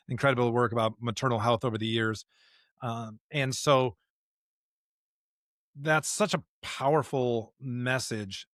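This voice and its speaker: A podcast co-host reflects on faith in a conversational, earnest and emphatic way, posing rhetorical questions. His voice is medium-pitched, and the studio-quality recording has no echo.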